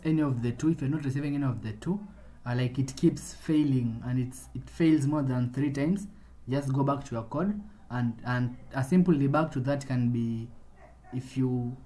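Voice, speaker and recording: A man's voice: medium pitch, mellow. A man explaining programming in a casual screen-recorded coding tutorial, talking things through with frequent restarts.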